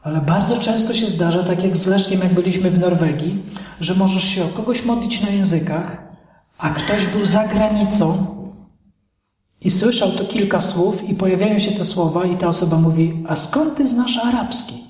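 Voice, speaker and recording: A male pastor preaching a sermon in an animated way, acting out the voices of people in his stories. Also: sits high, moderate pace, recorded from a distance. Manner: animated preaching, acts out dialogues. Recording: echoey hall recorded from afar.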